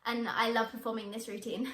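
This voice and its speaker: A teenage girl, a young actress, responds to interview questions on camera, bubbly and keen, laughing frequently. Her fairly high, slightly bright voice shows little pitch movement and runs a little fast, with echo from the room.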